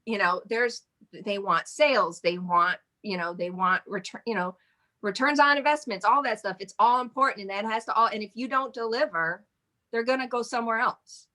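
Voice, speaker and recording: Her voice is fairly high, bright and forceful, moving at a normal speed. She's a Michigan modeling agency owner in her forties, appearing as a guest in a casual interview where she chats, rambles and laughs a lot.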